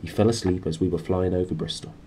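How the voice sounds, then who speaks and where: A man voicing a huge, rough-spoken but respectful giant in a storybook reading. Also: low-pitched, steady tone, fast talker, mellow, a little hiss or hum, natural voice. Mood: eager, respectful. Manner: rough informal speech, deferential.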